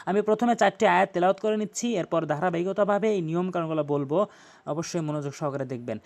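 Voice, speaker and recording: A man's voice: sits high, creaky, darkish tone. Bengali man teaching Quran recitation. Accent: Bangladeshi Bengali. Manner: instructive, spells letters out slowly, then chants verses drawn out. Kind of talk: tajweed lesson with recitation.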